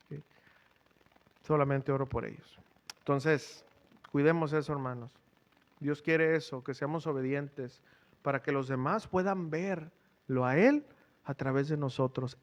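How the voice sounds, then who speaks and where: Brief: middle-aged male preacher, chatty sermon delivery, fairly high voice. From Mexico. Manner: conversational preaching, quizzes the congregation with rhetorical questions. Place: church.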